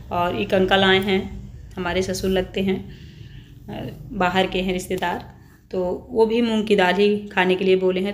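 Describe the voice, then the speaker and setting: A woman chatting casually with viewers as she cooks in her home kitchen, narrating what she is making. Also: mid-range voice. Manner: chatty, addresses viewers as friends. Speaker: home cooking vlogger. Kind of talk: casual cooking vlog narration. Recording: roomy kitchen echo, faint background noise.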